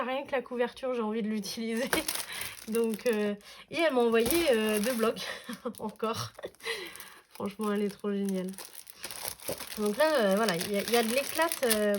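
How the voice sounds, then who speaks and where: A woman chatting casually as she unboxes scrapbooking paper, enthusiastic and full of fillers. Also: on the high side. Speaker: scrapbooking vlogger. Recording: noisy room with paper crinkling.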